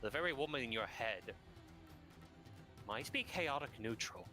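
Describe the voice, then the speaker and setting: Man playing an earnest, bright-voiced, wary druid. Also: medium pitch, expressive, unhurried, soft background music. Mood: grave, pondering. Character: earnest, wary druid adventurer explaining grave theories. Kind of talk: in-character tabletop role-play.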